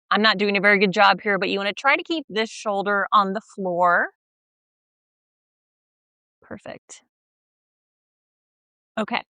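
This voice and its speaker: A young woman guiding a stretching routine, gentle and patient, often checking in with the listener and a little out of breath as she stretches along. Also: medium pitch, smooth, no room sound. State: slightly out of breath while stretching. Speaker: stretching instructor. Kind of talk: guided exercise instruction.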